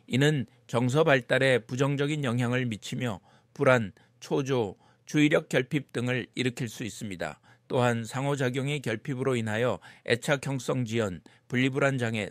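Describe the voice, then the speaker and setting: A man narrating a scripted informational text in a measured, explanatory way. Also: medium pitch, no room sound, studio quality.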